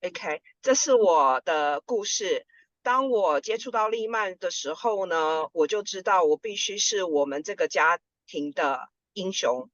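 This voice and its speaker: A woman's voice: on the low side, animated, a little slow, no echo. A woman working as a volunteer interpreter on an online call, translating piece by piece over lo-fi audio. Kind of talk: consecutive interpreting.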